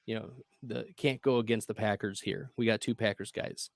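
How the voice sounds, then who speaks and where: A man hosting a casual fantasy football advice chat, upbeat and quick to laugh. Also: lowish voice, steady tone, gravelly, no room sound. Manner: chatty, upbeat, laughs easily. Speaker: fantasy football show host.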